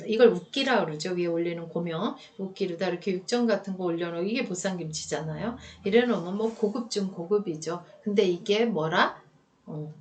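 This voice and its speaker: A woman's voice: medium pitch, a little mellow. A woman giving a chatty lecture on regional food, talking straight to her students and asking them questions. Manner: chatty, addresses students as 여러분, asks rhetorical questions. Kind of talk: recorded lecture. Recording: voice a bit far from the mic.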